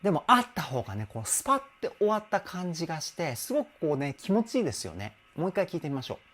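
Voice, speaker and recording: A vocal trainer chats enthusiastically through a casual music analysis commentary, his voice pitched on the high side with big swings and a fast delivery. Music plays underneath, and he adds hums and interjections.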